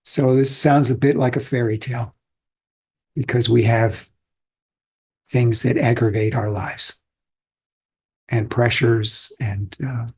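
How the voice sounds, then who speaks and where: A man from Austria giving a calm, reflective dharma talk as a Zen teacher, unhurried and pausing often. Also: mid-range voice, slightly rough.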